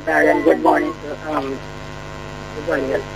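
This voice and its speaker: A woman caller on a muffled phone line that sounds underwater, asking halting questions and repeating words as she presses her point. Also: sits low, flat delivery, background noise. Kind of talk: call-in radio question.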